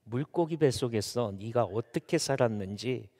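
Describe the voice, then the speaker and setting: A man voicing God as a patient male figure who questions softly and calmly. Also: medium pitch, normal speed, pitched below the performer's own voice. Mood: gentle. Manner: soft, calm, coaxing. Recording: long church reverb.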